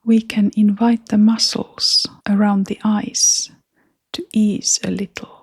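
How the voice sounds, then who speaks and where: Guiding a meditation, a woman speaks gently in a breathy, whispery, creaky mid-range voice, keeping her delivery flat. She uses short phrases broken up by long, unhurried pauses. The studio-quality sound is dry.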